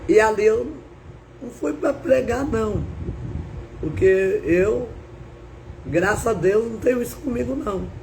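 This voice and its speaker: A woman preacher shares her testimony on a live stream, drawing her words out slowly. She tells it with feeling and drama and keeps breaking in with praise, over a faint hiss behind her. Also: on the high side, gravelly. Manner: dramatic, repeats praise phrases. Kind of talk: emotional testimony sermon.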